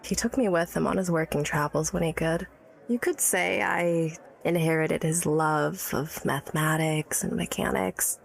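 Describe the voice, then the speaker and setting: In a period audio drama, an actress voices an educated, tipsy, wry woman of early-1900s New York who is teasing yet guarded. Her low voice is unhurried and creaky as she wistfully recalls her childhood.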